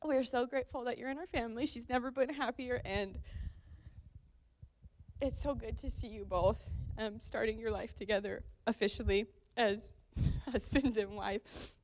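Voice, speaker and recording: A woman's voice: a little high, steady tone, moderate pace. A young woman in her twenties giving a wedding toast for her sister, laughing and tearing up as she speaks. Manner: emotional, laughing through tears.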